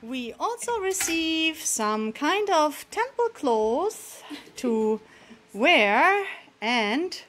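Cheerful high-voiced woman vlogging slowly. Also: very animated, fairly bright tone, a little hiss or hum. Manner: cheerful, chatty, laughs often. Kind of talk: casual vlog narration. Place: resort room and grounds.

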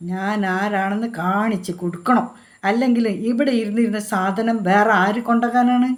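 A woman's voice: mid-range voice, fairly even intonation, moderate pace, close to an everyday voice. A woman voicing a fussy, forgetful old village grandmother, scolding and easily fooled. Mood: fretful. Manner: fretful, scolding, gullible.

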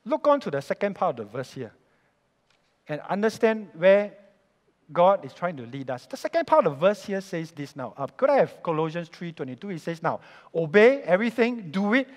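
A man's voice: fairly high pitch, darkish tone, big-room sound. A man with a Singaporean English accent preaching a sermon as pastor, telling stories and acting out bosses and workers in quoted voices. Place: church hall.

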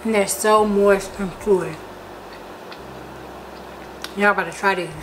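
A woman's voice: medium pitch, fairly even intonation, takes it slowly, a bit bright. A woman from Georgia, chatting casually through a cooking vlog in her home kitchen. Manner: chatty, talks with her mouth full at times. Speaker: cooking vlogger. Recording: noisy home recording.

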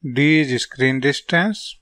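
A man with a North Indian accent gives a step-by-step lesson. His delivery is slow and halting, broken into short dictated phrases at a middling pitch. The sound is dry, with very little room around the voice. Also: a bit bright, dry recording. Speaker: physics tutor. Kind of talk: step-by-step lesson, reading out worked solutions.

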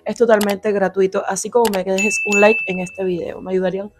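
A young woman from Cuba with a Cuban Spanish accent, slightly hoarse, chatting animatedly through a storytime vlog into a small handheld mic in a small home room. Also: mid-range voice, fairly quick, background noise. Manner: chatty, animated, lots of fillers and asides. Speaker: vlogger. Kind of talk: casual storytime. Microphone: handheld lavalier mic near mouth.

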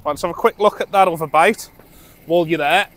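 A middle-aged British angler vlogger chats in casual running commentary while fishing from a dock by the sea at night, amused by himself. His voice is a little high, fairly bright and a bit fast, picked up by a tripod camera some distance away.

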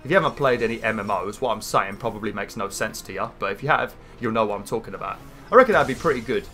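Commentating on a video game, a British man in his thirties rambles casually and swears a bit, his nasal voice sounding pinched at the nose. This gaming video host speaks fairly low, fast, bright and forcefully with expressive energy, with faint music in the background.

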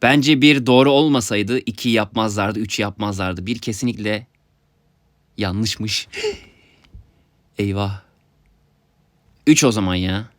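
A young man giving excited let's-play commentary, talking to his viewers and yelping at his mishaps. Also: fairly low pitch, slow, long pauses, no echo. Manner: excitable, yelps and laughs at mishaps, talks to viewers. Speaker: gaming YouTuber.

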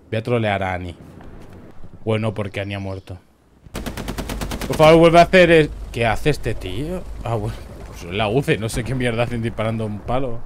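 A man with a Murcian Spanish accent giving casual, crude, joking commentary over a shooter game, often bursting into loud yelps. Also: medium pitch, noisy background. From Murcia, Spain. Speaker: gameplay commentator.

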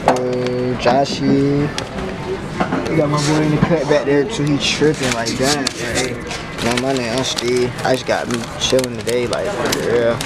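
A teenage boy filming a casual vlog at school, asking classmates quick questions in loud slangy banter. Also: medium pitch, fairly even intonation, very noisy. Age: teens. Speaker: student vlogger. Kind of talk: casual street interviews. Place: school hallways and outdoors. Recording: loud crowd chatter.

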